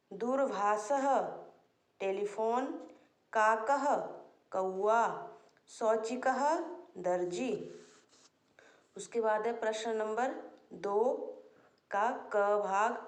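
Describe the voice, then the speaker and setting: A woman's voice: medium pitch, darkish tone, roomy sound. A woman teaching a Sanskrit class, patiently working through exercises and spelling out letters and word meanings step by step. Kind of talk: classroom lesson explaining exercises.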